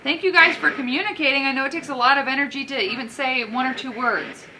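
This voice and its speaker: A woman's voice: high-pitched, quick pace. A woman talking aloud to spirits as a paranormal investigator, asking coaxing questions in a conversational way. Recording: very noisy location recording with clicks.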